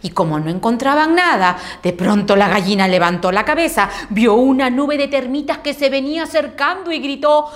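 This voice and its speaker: A woman's voice: sits high, animated, moderate pace, hardly any pauses. A woman telling a children's story playfully, with sound effects.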